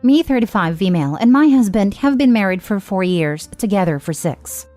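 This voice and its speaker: A woman giving a steady, even scripted narration of a forum post. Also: medium pitch, normal speed, no room sound, soft background music. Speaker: story narrator.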